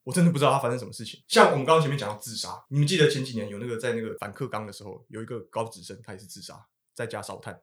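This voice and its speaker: Young man, Taiwanese Mandarin accent, rapid, swears casually, echoey room. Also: mid-range voice. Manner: swearing, animated retelling, voice jumps up when exasperated. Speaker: podcast co-host. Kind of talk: casual storytelling chat.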